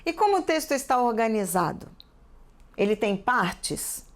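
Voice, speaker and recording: Teacher lady w/ brazilian accent, talks real slow n clear to kids, keeps asking questions. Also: a little high, very animated. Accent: Brazilian Portuguese. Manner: slow, careful, asks the class many questions. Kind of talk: scripted TV lesson for children.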